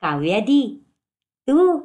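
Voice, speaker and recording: A woman voicing a sly teenage girl, the younger sister-in-law, who talks defensively and pleads in a lowered voice. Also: very animated, slow pace, a little mellow, exaggerated voice. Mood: defensive pleading.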